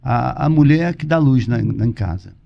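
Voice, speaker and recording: A man's voice: mid-range voice, expressive, normal speed, creaky. A Brazilian man, a pastor, preaching conversationally and emphatically, repeating points and asking rhetorical questions. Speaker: pastor, podcast guest. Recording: dull lo-fi audio.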